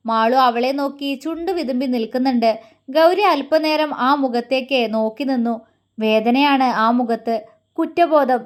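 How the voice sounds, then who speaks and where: A woman storyteller narrating a dramatic romantic story in an emotive, expressive reading. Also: high voice.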